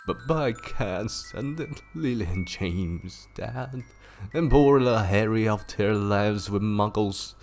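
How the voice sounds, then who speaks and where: Man doing a blubbering big shaggy giant, stammers, gravelly. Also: rumbling low, normal speed, faint music behind. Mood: sobbing. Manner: sobbing, stammering. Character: huge shaggy tearful male giant.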